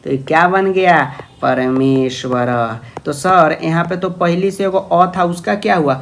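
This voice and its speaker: A man's voice: high voice, steady tone, moderate pace, gravelly, a bit bright, a little hiss or hum. A young man teaching grammar in an online lecture, affectionately calling students "babu" and asking their questions himself.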